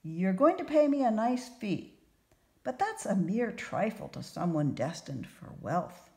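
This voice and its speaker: A sly male fortune teller in a storybook, pronouncing each prediction slowly and with confidence, read aloud by a woman. His lines rise and fall in a lively way, with a gravelly texture. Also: mid-range voice. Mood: assured.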